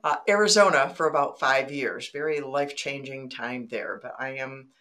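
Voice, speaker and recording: On a faith podcast, a guest from Michigan speaks in a bass voice at a normal speed. She chats earnestly and animatedly, reads scripture aloud, and laughs as she tells stories.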